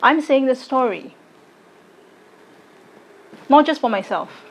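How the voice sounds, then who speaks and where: Measured woman in her twenties. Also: sits high, expressive, low-quality recording. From Singapore. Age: late 20s. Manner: slow, deliberate, measured delivery. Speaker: arts educator and content creator. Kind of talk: recorded personal statement to camera.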